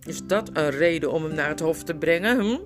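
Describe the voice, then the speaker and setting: A woman's voice: low voice, brisk, faint music behind, natural voice. A woman voicing an old, hard-of-hearing, irritable male dwarf who mishears everything. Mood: grumbling. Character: old deaf cranky male dwarf regent.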